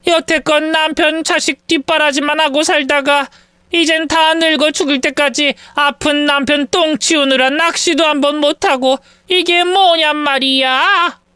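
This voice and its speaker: A man's voice: bright, forceful tone, clear, resonant tone, dry recording, full character voice. A man voicing a bitter, domineering older mother-in-law who scolds and wails in self-pity. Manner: shrill, self-pitying wailing.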